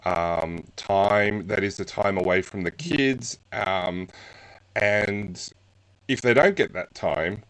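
A man co-hosting a podcast interview and talking about his clients, speaking hesitantly with many pauses. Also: lowish voice, fairly bright tone, low-quality recording.

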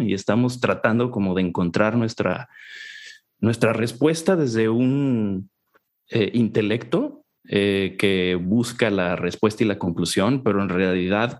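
A man talks thoughtfully, working through an idea at length. His voice sits somewhat low. He speaks as a podcast co-host in a relaxed conversation. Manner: thoughtful, explaining ideas at length. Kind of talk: reflective casual conversation.

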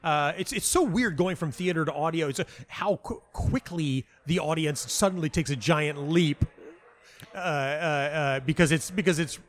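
A middle-aged playwright and audio dramatist, appearing as an interview guest, shares anecdotes conversationally. He stammers and repeats words, acting out quoted dialogue with animation. His voice is a little high and a bit bright, at a moderate pace.

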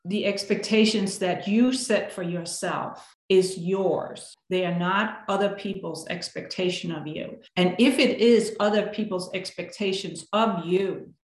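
A woman's voice: mid-range voice, unhurried, hardly any pauses. Woman coaching in a roomy echo. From Denmark. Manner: earnest coaching tone, often tags points with "right?". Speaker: guest, coach for high achievers. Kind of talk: podcast conversation. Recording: roomy, echoey sound.

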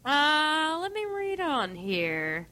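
A woman's voice: high voice, sing-song, extremely slow, pushed and bright. A woman co-hosting a comedy radio show, teasing and sarcastic in casual banter. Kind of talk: casual comedic banter, reading news aloud.

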